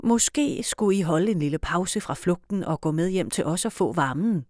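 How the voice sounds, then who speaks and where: A woman voicing a kind old grandfather in a storybook reading, speaking calmly and gently, low and unhurried. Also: no room sound, studio quality. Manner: calm, gentle.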